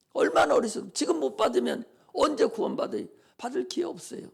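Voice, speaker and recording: Older korean-style pastor guy, super gravelly voice, high and swoopy, shouting the prayer over and over. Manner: urgent preaching, repeating and shouting the prayer to the congregation; scolds listeners informally. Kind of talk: sermon.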